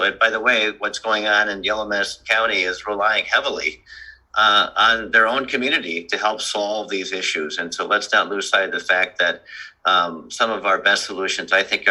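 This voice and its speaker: A man's voice: low-pitched, sharp tone, low-quality recording. A man speaking at a public policy council meeting, hurrying through his point with many filler words. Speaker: council member.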